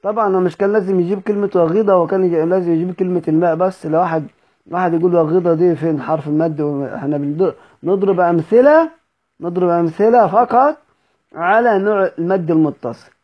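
A man's voice: high voice, fast talker, breathy edge, lo-fi sound. A man with an Egyptian Arabic accent teaching a recorded study session, explaining points, repeating them and quizzing his students. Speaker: Quran recitation teacher.

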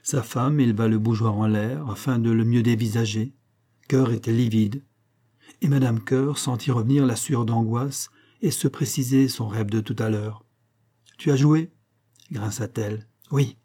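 A man reading a classic short story aloud in a measured, expressive way. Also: medium pitch. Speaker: audiobook narrator. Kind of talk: literary audiobook reading.

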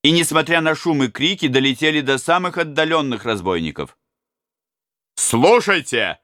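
A man's voice: fairly high pitch, fairly quick, no echo, studio quality. A man reading a historical novel aloud as a dramatic audiobook narrator. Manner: dramatic, expressive. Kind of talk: scripted narration.

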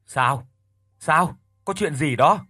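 A man's voice: medium pitch, animated, fast talker, sharp tone, no room sound, studio quality, soft background music. A man playing an anxious middle-aged brother. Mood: alarmed. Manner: urgent, pressing questions.

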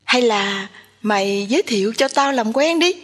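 A woman's voice: fairly high pitch, animated, normal speed. A woman voicing a nosy, teasing young woman. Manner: bossy, teasing and chatty. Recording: long hall reverb.

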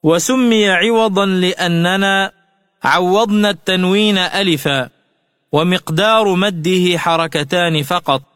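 High-voiced man teaching tajweed on radio. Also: a bit bright, clear, resonant tone, no room sound, studio quality, in a large hall. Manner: measured explanatory delivery, stretching chanted example words. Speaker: Quran recitation teacher.

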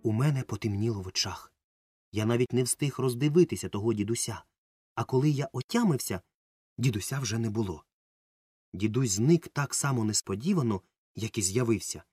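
A man narrating a children's story as an audiobook, telling it lively and acting out the dialogue. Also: medium pitch, fairly quick, husky, no echo. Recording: dry close mic with faint music.

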